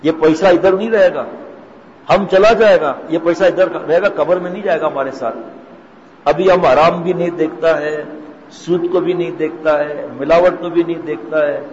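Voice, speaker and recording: A man's voice: on the high side, steady tone, a little mellow. A man giving a storytelling sermon, acting out the dialogue in his stories. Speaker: preacher. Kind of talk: sermon with anecdotes. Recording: dull echoey hall, faint noise.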